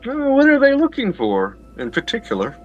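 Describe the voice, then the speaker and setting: A man's voice: very high-pitched, wildly swooping pitch, normal speed, lo-fi sound, faint music behind, pitched above the performer's own voice, full character voice. A man voicing an imperious, unhinged sorceress in a tabletop game, with a probing, threatening manner. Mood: haughty, calling.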